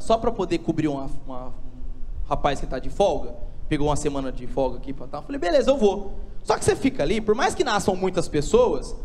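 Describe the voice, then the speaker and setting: Young male stand-up comic, São Paulo state accent, very lively swooping delivery, handheld mic in a slightly noisy theatre. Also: sits high. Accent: São Paulo state, Brazil. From Brazil. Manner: animated, slangy delivery. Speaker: stand-up comedian. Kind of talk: stand-up comedy storytelling to a live audience. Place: theatre stage, indoors. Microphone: handheld microphone. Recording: noisy live theatre recording with audience.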